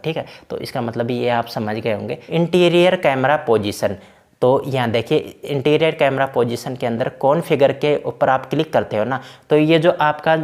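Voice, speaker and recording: Chatty man with a gravelly voice. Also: mid-range voice. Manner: chatty, repeats fillers like "na" and "bhai". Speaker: game tutorial creator. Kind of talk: casual screen-recorded game walkthrough.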